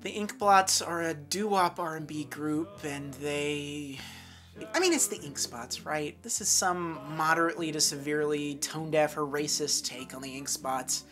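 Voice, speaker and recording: A woman's voice: low-pitched, moderate pace, fairly bright tone, faint music behind. A woman hosting a comedic review of an old tape, sarcastic and mock-dramatic.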